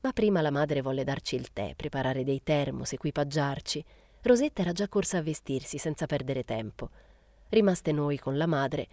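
A woman reading a literary novel aloud in a measured, even storytelling manner. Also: low-pitched, dry recording. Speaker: audiobook reader. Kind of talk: literary audiobook narration.

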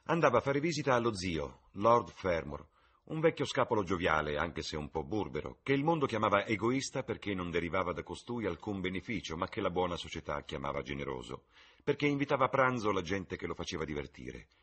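A man reading a novel aloud as an audiobook, with expressive, varied narration. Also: low-pitched, fairly quick, slightly rough. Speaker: reader.

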